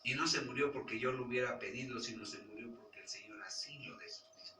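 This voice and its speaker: A Mexican pastor preaching a sermon, bright and forceful in tone, dropping to near whispers and then rising to loud, high outcries. He is picked up from a distance in a roomy, echoing church hall, with faint room noise behind him. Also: brisk. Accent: Mexican Spanish.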